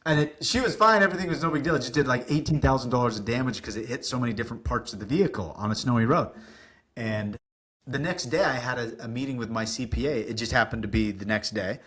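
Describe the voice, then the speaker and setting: Man, podcast guest, casual storyteller, animated, voices quoted dialogue, middle pitch. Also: fast.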